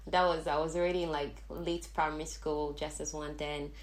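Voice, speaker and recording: A woman's voice: sits low, flat delivery, brisk. A woman with a Nigerian accent hosting a podcast in a casual, chatty way, thinking aloud as she goes. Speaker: podcast host. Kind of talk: casual chat.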